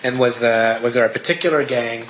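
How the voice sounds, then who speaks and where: An American man examining a witness as a lawyer, putting questions in a halting, deliberate way. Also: mid-range voice, fairly bright tone. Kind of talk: courtroom examination. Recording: echoey room with background noise.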